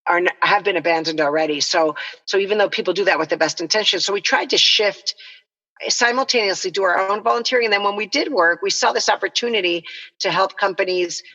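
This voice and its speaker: Speaking fast in a medium-pitched voice that sounds pushed and bright, a middle-aged woman from El Salvador shares her story as a guest on a podcast. She co-founded a nonprofit and talks earnestly and reflectively, explaining as she goes in conversational interview style. The connection is dull and reverberant.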